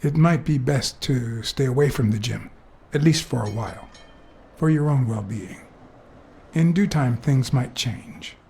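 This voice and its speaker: A gravelly, mellow male noir detective in a video game. He is calm, courteous and probing, speaking in a measured way over background ambience. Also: mid-range voice, full character voice. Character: calm, courteous hard-boiled detective, probing but sympathetic.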